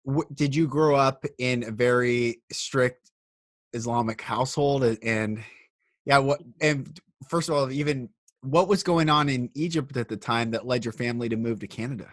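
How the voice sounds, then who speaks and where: A man's voice: mid-range voice, normal speed. A man hosting a spiritual podcast, speaking in an earnest, heartfelt way and sending blessings to listeners. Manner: warm, earnest, blessing-filled delivery. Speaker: podcast host.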